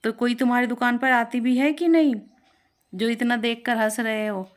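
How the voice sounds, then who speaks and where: A woman's voice: on the high side, moderate pace, close to an everyday voice. A woman voicing a vain, bossy older mother-in-law who talks in a snappy, scolding way. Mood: angry.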